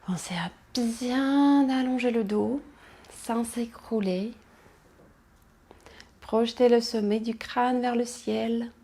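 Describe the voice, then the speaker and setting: A woman instructor calmly guiding a pilates class, cueing movements and counting, with soft whispered asides. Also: on the high side, slow pace, long pauses, slight background noise. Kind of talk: guided exercise class instruction.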